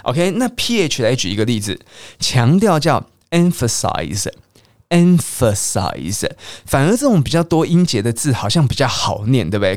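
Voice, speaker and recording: A man teaching English pronunciation on a radio lesson, spelling out letters and repeating each word slowly for listeners to say aloud. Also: medium pitch, dry recording, clean studio sound. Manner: drills words slowly and repeats them.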